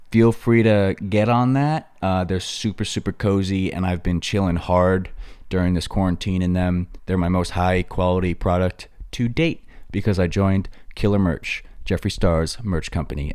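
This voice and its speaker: A man's voice: sits low, a little mellow, smooth, dry recording, clean studio sound. A young man hosting his own podcast, talking in a laid-back, rambling way full of slang and fillers, sounding tired. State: tired and briefly out of breath. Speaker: podcast host. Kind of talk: casual solo podcast talk. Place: home in Los Angeles.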